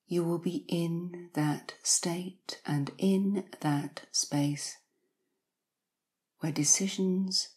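A woman guiding hypnotic relaxation in a slow, soothing countdown manner, soft and breathy with long pauses, often sinking to a near-whisper. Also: low-pitched.

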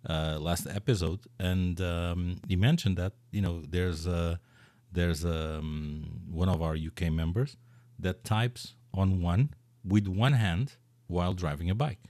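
A man's voice: sits low, fairly even intonation, slow, darkish tone, dry recording. A man whose first language is Portuguese, hosting a podcast in casual, rambling chat full of repeats. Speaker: podcast host.

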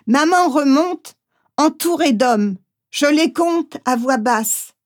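A woman reading a first-person memoir aloud, gently, acting out the voices she quotes. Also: high voice, animated, slow. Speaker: audiobook reader.

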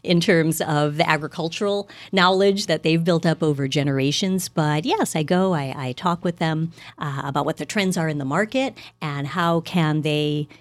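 A woman talking about chocolate in an enthusiastic, effusive way, laughing often and leaping up in pitch when excited. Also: normal speed, hardly any pauses. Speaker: chocolate wholesaler and marketer, guest. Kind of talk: enthusiastic casual chat.

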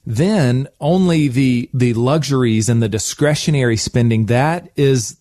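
A man's voice: medium pitch, a little slow, warm tone, no echo, clean studio sound. A man coaching listeners conversationally as a financial advisor, emphatic and coaxing, often checking in with short tag questions. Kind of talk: conversational advice podcast.

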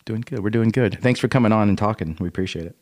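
A man's voice: lowish voice, fast talker, darkish tone. A man co-hosting a podcast, chatting casually and asking questions in an easygoing way. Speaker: podcast co-host.

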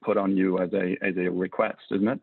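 Gravelly interviewer on a thin line. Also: male voice, low-pitched, level tone, fairly quick, no echo. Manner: probing, conversational questions. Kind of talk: radio interview. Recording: dry, phone-like, narrow band.

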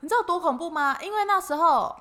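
A woman's voice: very high-pitched, expressive, fast talker, a bit bright. A woman with a Taiwanese Mandarin accent co-hosting a podcast, telling a story dramatically and acting out the quotes. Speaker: podcast co-host. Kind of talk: casual chat, storytelling.

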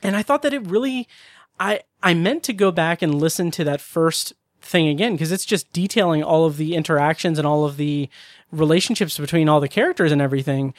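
Chatty, higher-voiced male podcaster. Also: fairly quick, dry recording, studio quality. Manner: chatty, swears casually, lots of fillers. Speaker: podcast co-host. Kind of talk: casual chat.

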